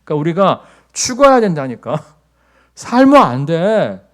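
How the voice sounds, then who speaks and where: A middle-aged male pastor delivers a chatty, animated sermon in a church. He keeps asking the congregation to answer back and builds to loud, repeated emphasis. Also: on the high side, a little slow. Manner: asks the congregation for responses. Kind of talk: lively conversational sermon. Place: church sanctuary.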